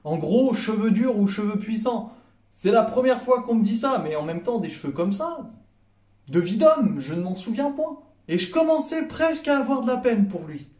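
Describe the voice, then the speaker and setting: A young man from France with a French accent, telling comic stories in a sarcastic, animated way and acting out little dialogues. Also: high voice, moderate pace, roomy sound. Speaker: comedy vlogger. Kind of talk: comedic storytelling monologue.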